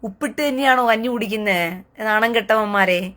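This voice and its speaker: A woman's voice: on the high side, normal speed, fairly bright tone. A woman delivering a mocking rant to the camera as an online political commentator, taunting in a sing-song way and stretching out repeated jeers.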